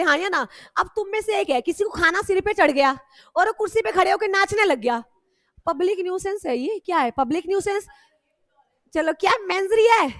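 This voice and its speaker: A woman law teacher, lecturing a class in a loud, animated way, teasing her students and mixing with English. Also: extremely high pitch, no echo, clean studio sound.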